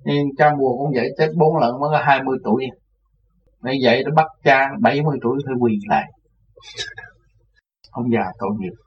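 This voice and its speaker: A man's voice: medium pitch, fairly quick, pauses often. A man, a religious teacher recounting his life in a rambling way and repeating words. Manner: rambling, repeats words, acts out others' voices. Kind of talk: casual spoken recollection. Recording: distant, dull mic with faint noise.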